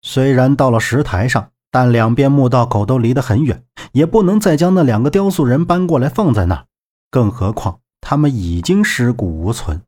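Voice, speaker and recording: A man narrating an adventure audiobook with dramatic, expressive storytelling. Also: medium pitch, normal speed. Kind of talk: scripted narration.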